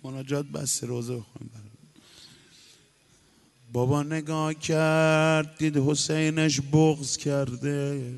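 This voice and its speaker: A man's voice: fairly high pitch, fairly even intonation. A man reciting a religious mourning story in a half-sung, chanting way that rises into lament. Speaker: religious eulogist.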